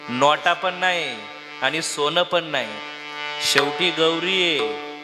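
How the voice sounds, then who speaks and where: A man's voice: a little high, takes it slowly, long reverb tail, over music. A man preaching a devotional sermon, telling stories, quizzing his listeners and breaking into song. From Maharashtra. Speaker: kirtan preacher.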